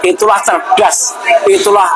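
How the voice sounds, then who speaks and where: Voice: medium pitch, fairly even intonation, normal speed. A speaker giving approving political commentary. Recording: loud music underneath.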